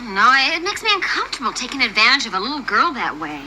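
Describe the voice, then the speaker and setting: An actress playing a gentle, soft-hearted housewife in a sitcom. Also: female voice, fairly high pitch, big pitch swings, quick pace, heavily acted, rough recording. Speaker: wife and mother. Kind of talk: sitcom acting. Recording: old TV sitcom audio with loud hiss.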